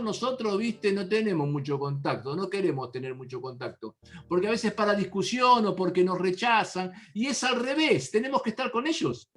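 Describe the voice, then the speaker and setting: A man in his sixties with an Argentine accent, preaching a sermon as pastor and exhorting his church with fervent, repeated phrases. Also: high-pitched. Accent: Argentine Spanish.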